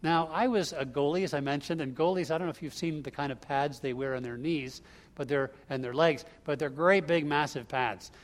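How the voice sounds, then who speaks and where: This brisk, fairly high-voiced man delivers an expository sermon, unpacking scripture verse by verse in a chatty, conversational style. He grew up in the US Northeast.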